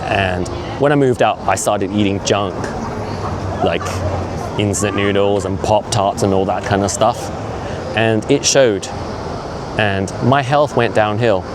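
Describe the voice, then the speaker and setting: Clear traffic and street noise, plus a crowd in the background, surround a fifties-aged man vlogging as he walks through the city. He speaks low and unhurried, earnest and opinionated, in a chatty monologue full of asides.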